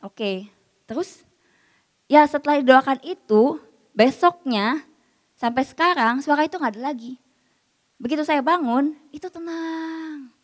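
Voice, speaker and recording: A woman's voice: high-pitched, unhurried, pauses often, in a large hall. A woman preacher giving a casual, story-filled sermon, acting out the voices she quotes.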